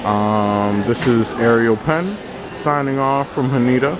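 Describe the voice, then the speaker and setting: A man's voice: mid-range voice, steady tone, takes it slowly, a crowd in the background. A man casually vlogging as he walks through an airport food court, rambling easily and repeating words as he goes, recorded on his handheld camera. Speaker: travel vlogger. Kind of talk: casual walking vlog. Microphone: handheld camera mic while walking. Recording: loud airport ambience under voice. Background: airport hall noise.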